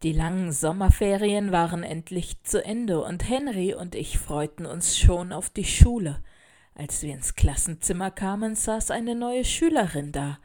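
A woman's voice: on the low side, lively intonation, unhurried, dark tone. Woman reading a children's story. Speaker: narrator.

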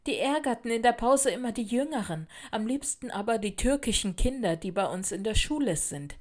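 A woman's voice: on the high side, animated, brisk. Woman reading a children's story. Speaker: narrator.

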